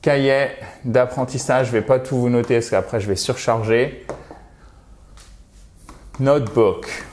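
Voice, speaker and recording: A man gives an English lesson in in a chatty, lively way. His voice sits at an average pitch for a man, and he slows right down to sound out English words for his learners. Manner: lively teacher, spells out English words slowly for pronunciation. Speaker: English teacher. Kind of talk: video lesson.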